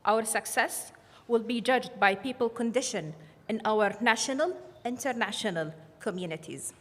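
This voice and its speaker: A woman from giving an earnest, measured graduation speech on behalf of her class. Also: a little high, fairly bright tone. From Saudi Arabia. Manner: earnest, measured, slightly halting delivery. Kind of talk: formal commencement speech. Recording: long hall reverb.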